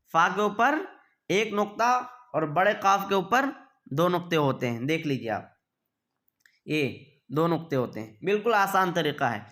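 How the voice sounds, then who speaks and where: A man's voice: sits high, bright, forceful tone. A man teaching a beginner's reading lesson, patiently repeating each point and asking questions that he answers himself. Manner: repetitive, asks questions then answers them.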